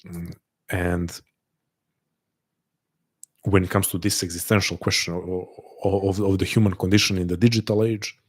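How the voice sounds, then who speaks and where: A man's voice: low voice, little pitch movement, moderate pace, pauses often, husky. A man hosting a live online call, talking in a thoughtful, earnest way and often repeating words and restarting phrases as he thinks aloud. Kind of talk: reflective live talk to an audience.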